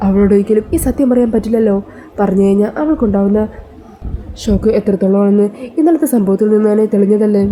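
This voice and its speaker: A woman's voice: mid-range voice, fast, warm tone, slight background noise, lightly acted. A woman voicing a sick, grieving mother in a plaintive, pleading way. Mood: sorrowful. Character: ailing grieving mother, soft and sorrowful.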